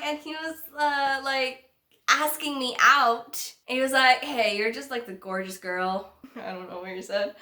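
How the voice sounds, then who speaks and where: A woman's voice: sits high, sharp tone, roomy sound. A young woman vlogger telling a personal story in a casual, chatty way, laughing often.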